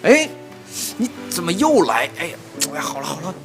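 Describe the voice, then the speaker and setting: An actor playing a flustered young master of a household in a comedic period TV drama, scolding and coaxing by turns in an exasperated way. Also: male voice, a little high, wildly swooping pitch, moderate pace. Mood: lecturing. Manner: exasperated, scolding, jumps between coaxing and alarm. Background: background music.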